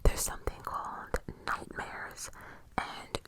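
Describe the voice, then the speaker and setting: A woman whispers breathily, right up against a cupped mic, in an ASMR commentary style. Her delivery is informal and opinionated, with emphatic repeats and blunt swearing, all without full voice. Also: slow pace. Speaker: ASMR creator. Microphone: close-up cupped USB condenser microphone.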